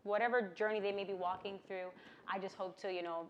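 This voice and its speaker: A woman's voice: medium pitch, fast, lo-fi sound. New woman chatting candidly, noisy background. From Queens, New York, USA. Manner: candid, animated, peppered with "like" and "you know". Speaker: interview guest, singer-songwriter. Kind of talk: casual conversational interview.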